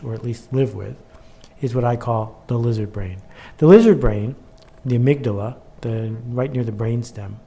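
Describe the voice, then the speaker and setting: A man of ordinary pitch gives a motivational instructional talk about his own workbook. He builds his points through repetition and pointed rhetorical questions, speaking with steady emphasis. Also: a little hiss or hum.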